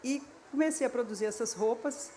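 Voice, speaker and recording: A woman's voice: on the high side, a little fast, warm tone, a little hiss or hum. A woman with a Brazilian accent, an author and journalist, explaining her story plainly on a festival panel. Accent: Brazilian Portuguese. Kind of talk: panel talk. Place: stage at a literary festival.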